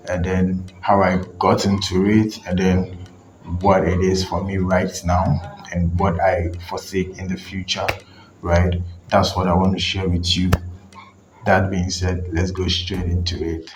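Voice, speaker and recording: A man's voice: low-pitched, a little slow, over music. A young man from Ghana and Nigeria hosting his tech channel, telling his story casually with many fillers and restarts. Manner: relaxed, rambling, frequent fillers and restarts.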